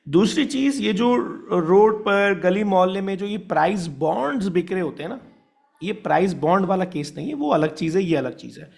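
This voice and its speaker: A male business teacher delivers a classroom lecture. His voice sits high and has a gravelly edge. He explains through worked examples, often checks that students are following, and mixes in English terms. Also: lively intonation, moderate pace.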